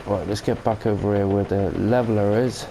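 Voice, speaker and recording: A British man with a cold hosts a gaming channel and gives casual, meandering commentary on a farming game mod, revising his words as he goes. He speaks briskly in a low, steady, mellow voice. The recording is low quality with a little hiss or hum.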